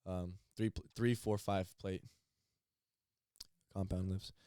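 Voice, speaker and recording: A teenage man co-hosting a podcast in casual chat, halting and repeating words as he thinks. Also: low voice, little pitch movement, mellow, clear, resonant tone, no room sound, clean studio sound. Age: teens. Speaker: podcast co-host.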